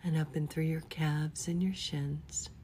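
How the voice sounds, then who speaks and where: Woman's soft, very slow spa whisper. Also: low-pitched, fairly even intonation, slight background noise. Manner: unhurried, gentle instructing. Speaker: guided relaxation leader. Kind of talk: whispered guided body-scan meditation.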